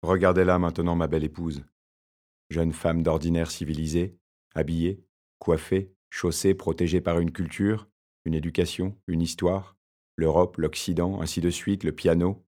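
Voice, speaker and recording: This is a wry, ironic academic husband in an audiobook, read by a man. His voice is very deep and stays flat and even. He narrates in a measured, dry way. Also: lightly acted.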